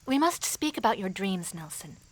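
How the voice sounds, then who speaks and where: In a fantasy audio drama, a woman voices a grave mystic advisor, speaking formally in an earnest, measured manner. Her pitch is medium but swings widely.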